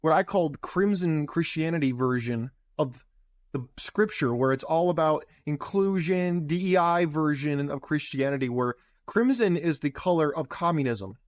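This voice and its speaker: A man's voice: a little high, moderate pace, dry recording, clean studio sound. A man hosting a show, giving blunt, sarcastic reaction commentary on a video clip. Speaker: host and commentator.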